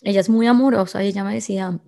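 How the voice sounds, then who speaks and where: Woman, vlogger, personal storytelling, mellow tone, emotional, confiding, halting restarts. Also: medium pitch, fairly even intonation, vocal fry.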